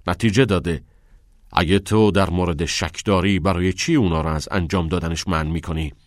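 Man playing a stern older headmaster, condescending, firm and forceful, deep and dry. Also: steady tone, no room sound, natural voice.

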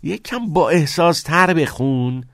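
A man voicing an eager, theatre-mad teenage boy who talks in quick, excited bursts. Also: on the high side, no echo, clean studio sound, pitched above the performer's own voice. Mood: playful.

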